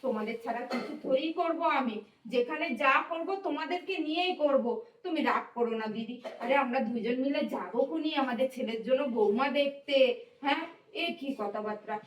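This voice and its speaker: A woman's voice: high voice, a little fast, recorded from a distance, natural voice. An actress playing a protective mother in a family drama, soothing and defensive in turn. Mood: pleading. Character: protective mother of grown son.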